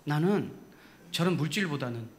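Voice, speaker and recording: A man pastor preaching a sermon, telling a story in an animated way and laughing along. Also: a little high, moderate pace, slight background noise. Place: church sanctuary.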